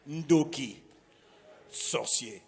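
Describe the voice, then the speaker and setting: A pastor preaches a sermon emphatically, using call-and-response by having the congregation repeat words after him. His mid-range voice is animated, with drawn-out words and vocal fry, and it sounds like a big room.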